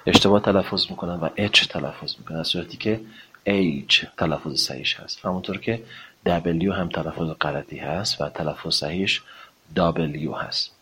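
A man teaching English pronunciation, speaking politely and formally with many hesitations, then drawing out model words slowly for learners to repeat. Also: deep voice, fairly bright tone, husky. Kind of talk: spoken pronunciation lesson.

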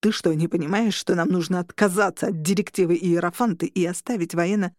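A woman's voice: on the low side, steady tone, fairly quick, no room sound, clean studio sound, lightly acted. A woman voicing an insistent vampire lord. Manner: insistent, shouting. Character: scheming male vampire lord, pleading and defiant.

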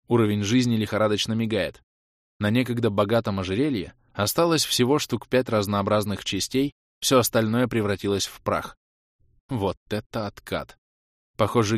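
Low-voiced male audiobook narrator, dry sound. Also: no room sound. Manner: lively, acts out shouts and dialogue. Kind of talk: first-person audiobook narration.

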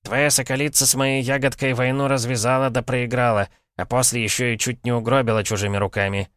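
A man's voice: mid-range voice, flat delivery, a little fast, fairly bright tone, no echo, studio quality, pitched above the performer's own voice, close to an everyday voice. A man voicing a fretful male grapevine spirit who complains and frets, in an audiobook. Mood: indignant. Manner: complaining, exasperated.

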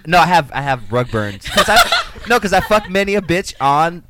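Brief: rowdy male podcast host, lively swinging pitch, crude laughing banter. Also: normal speed, very noisy. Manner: loud laughing, swearing, lively. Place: room with several people.

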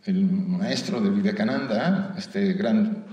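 A man's voice: fairly low pitch, takes it slowly, warm tone, lo-fi sound. Mexican man lecturing in an echoing hall. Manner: conversational, often asks the audience rhetorical questions; light humor mixed into the teaching. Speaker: lecturer at a theosophical society. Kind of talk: spiritual lecture to a live audience. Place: lecture room with an audience. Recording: roomy hall echo, voice from far off.

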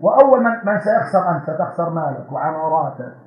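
A man preaching an impassioned sermon with rising, shouted repetitions. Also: a little high, very animated, fast, roomy sound, highs cut off. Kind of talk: fiery Friday sermon.

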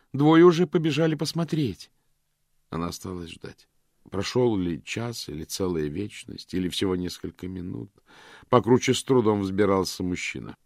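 A man narrating a story in a measured, even reading. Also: low voice, creaky, no room sound, clean studio sound. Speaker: audiobook narrator. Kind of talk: scripted narration.

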